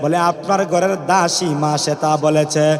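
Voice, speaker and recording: A man with a Sylheti Bengali accent preaching a sung waz sermon, chanting and calling on the crowd to answer louder. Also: a little high, fairly even intonation, moderate pace. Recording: echoey PA sound with crowd. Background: crowd responding.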